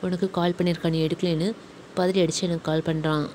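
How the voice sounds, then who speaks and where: A woman voicing Shyam, a young man who calmly and firmly reassures his family. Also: lowish voice, fast talker, slight background noise, natural voice, rough recording. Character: young husband, caring brother-in-law.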